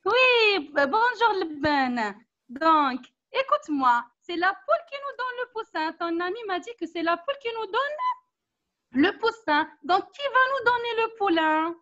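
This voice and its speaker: A woman teaching an online class for young children, speaking slowly and patiently, encouraging them and repeating instructions over a video call. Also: very high-pitched, sing-song, pushed and bright. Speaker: primary school teacher. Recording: dull lo-fi online call audio.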